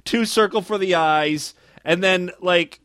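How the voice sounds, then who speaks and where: A man's voice: high voice, measured pace, a bit bright, dry recording, studio quality. A man hosting a comedy podcast, giving casual, mocking and incredulous commentary.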